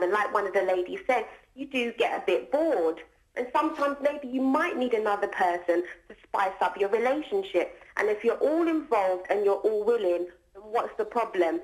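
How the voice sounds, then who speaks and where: A woman's voice: mid-range voice, poor audio. Argumentative woman radio show caller. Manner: earnest, argumentative, explaining. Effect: caller on a radio phone-in.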